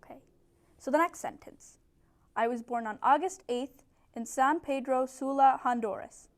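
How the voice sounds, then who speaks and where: A young woman tutoring a small group of adult English learners in a classroom, giving clear, encouraging instructions. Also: high voice, moderate pace. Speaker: ESL tutor. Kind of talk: teaching a small group lesson.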